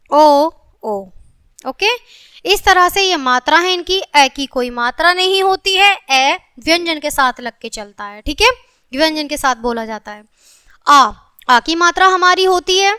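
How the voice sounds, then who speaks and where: A woman teaching a grammar lesson to children, explaining step by step, slowly stretching each sound she names and often saying "okay". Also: high voice, sharp tone, no room sound, studio quality.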